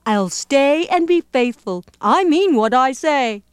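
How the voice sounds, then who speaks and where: A woman voicing a huge, gentle, faithful male elephant from a children's storybook, speaking earnestly and deliberately. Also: sits high, lively intonation, noisy background, voice pushed up. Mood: earnest, obliging.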